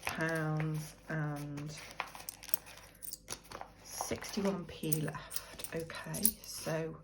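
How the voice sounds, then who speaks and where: Sorting money into envelopes for her cash-stuffing routine, this woman from the United Kingdom chats and muses aloud, her voice hoarse from a cold. It sits low and creaky against a noisy background. She makes budgeting videos.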